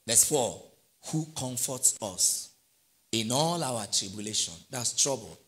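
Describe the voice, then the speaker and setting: A man's voice: medium pitch, lively intonation, slow, fairly bright tone. A middle-aged man preaching a sermon, quizzing his congregation with call-and-response questions. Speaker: pastor.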